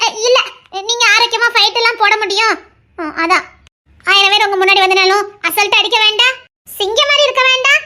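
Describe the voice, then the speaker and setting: A woman's voice: very high voice, pushed and bright. A woman voicing a stubborn, loving young wife in an audio drama, talking earnestly and insistently.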